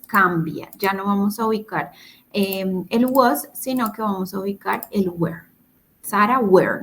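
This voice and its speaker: A woman's voice: mid-range voice, a little hiss or hum, poor audio. A woman teaching English grammar in a recorded video-call lesson, explaining step by step, repeating words and checking in with her students.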